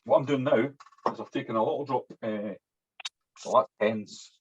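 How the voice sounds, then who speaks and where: In muffled, dull lo-fi audio with a little hiss or hum, a Scottish man with a strong, broad accent demonstrates fly tying hands-on. His voice sits mid-range at a moderate pace. He's chatty and informal, often finishing remarks with "yeah."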